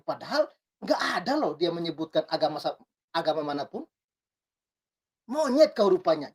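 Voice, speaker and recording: Woman, slightly high voice, casual commentator: reads comments, then adds teasing, sermon-tinged remarks. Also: a little mellow, husky. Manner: reads text aloud then adds wry remarks, often asks "ya kan?". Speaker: commentator reading news and comments. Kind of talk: casual spoken commentary on a news item.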